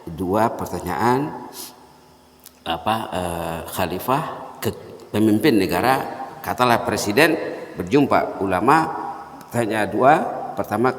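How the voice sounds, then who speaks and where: A man preaching a morning sermon with emphatic, repeated points that swing between loud and soft. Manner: emphatic, rising to loud repeated points then dropping low. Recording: echoey hall reverb.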